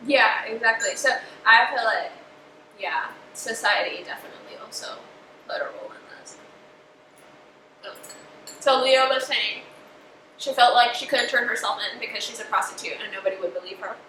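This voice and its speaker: A woman's voice: a little high, normal speed, pauses often. A young woman hosting a casual eating show, chatting with her mouth full and saying "like" a lot. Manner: chatty, with frequent "like" and "you know". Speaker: host. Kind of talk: casual chat while eating. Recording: roomy, distant mic with faint noise.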